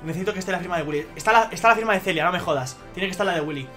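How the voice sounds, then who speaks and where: A young man from Spain with a Spanish accent, excitedly unboxing on a video, exclaiming and swearing as he goes. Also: high-pitched, racing, faint music behind. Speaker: YouTuber.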